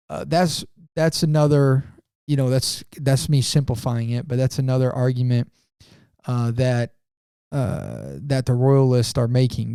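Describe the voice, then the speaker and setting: A man's voice: mid-range voice, warm tone, smooth, no echo, clean studio sound. A man co-hosting a podcast, talking through a book in casual discussion, full of fillers and restarts. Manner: halting, many fillers and restarts. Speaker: podcast co-host.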